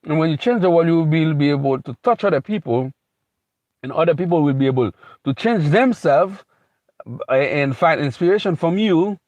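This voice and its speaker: This motivational speaker, a man from Haiti living in America, talks without a script in a fairly high, expressive voice with a darkish tone, at a moderate pace. He meanders, repeats points, restarts phrases, and drops plenty of "you know"s. The recording is dry.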